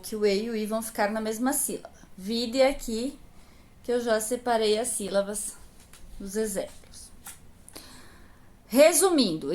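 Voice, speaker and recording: Woman, primary teacher, unhurried delivery, slightly high voice, patient explaining. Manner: patient and explanatory, asks questions and answers them herself. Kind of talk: recorded remote lesson explaining grammar.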